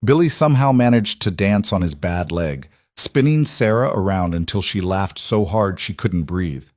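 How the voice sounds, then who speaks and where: A man reading a western audiobook in a measured scripted narration. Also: sits low, expressive, darkish tone, no room sound, clean studio sound.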